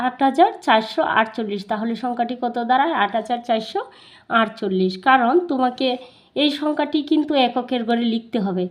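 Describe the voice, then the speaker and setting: High-voiced Bangladeshi woman teaching math. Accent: Bangladeshi Bengali. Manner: explains step by step, asks questions and answers them herself. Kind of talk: classroom math lesson.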